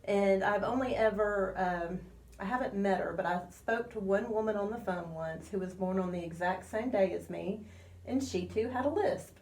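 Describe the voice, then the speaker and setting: A woman's voice: medium pitch, moderate pace, darkish tone. Woman, slight lisp, rambling radio guest, roomy studio sound. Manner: rambling, with many fillers. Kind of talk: casual radio chat.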